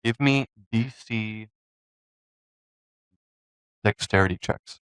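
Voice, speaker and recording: A man narrating a tabletop game as game master, unhurried and filling pauses with "um". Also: on the low side, a bit bright, smooth, dry recording, studio quality. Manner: unhurried, with frequent "um" fillers.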